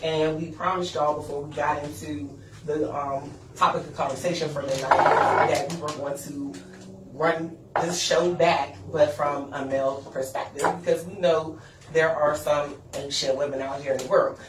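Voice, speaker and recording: A woman's voice: low-pitched, steady tone, normal speed. A woman hosting a podcast in a casual, laughing, chatty way, full of fillers. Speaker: podcast host. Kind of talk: casual chat. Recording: echoey room, distant mic, background noise.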